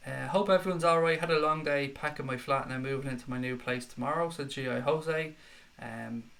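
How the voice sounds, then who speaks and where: A man's voice: mid-range voice, sharp tone. Chatty Dublin Irish man with a head cold. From Dublin, Ireland. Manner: chatty, matey, reads messages aloud and answers them. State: slight head cold, swallowing a lot. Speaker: live stream host reading viewer comments. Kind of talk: casual live-stream chat.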